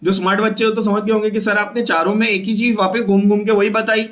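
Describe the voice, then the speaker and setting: High-voiced man teaching chemistry. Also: level tone, quick pace, fairly bright tone. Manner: asks the students questions and repeats key terms, switching between Hindi and English. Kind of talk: classroom lecture.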